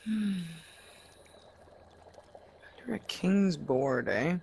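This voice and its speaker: Slow, low-voiced woman muttering through gameplay. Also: lively intonation, creaky, a little mellow, a little hiss or hum. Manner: mutters to herself, swears often, drops into whispers. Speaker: VR game player. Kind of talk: casual gameplay commentary.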